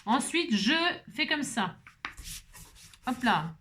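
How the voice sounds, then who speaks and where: A chatty woman talks her viewers through a craft project at her table, rambling and asking for their reactions as she goes. Her voice sits a little high, with a faint hiss behind it. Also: very animated, slow, a bit bright. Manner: chatty, rambling, constant "hein" asides to viewers. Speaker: crafting channel host. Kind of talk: casual crafting chat to viewers. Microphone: camera set up on the table.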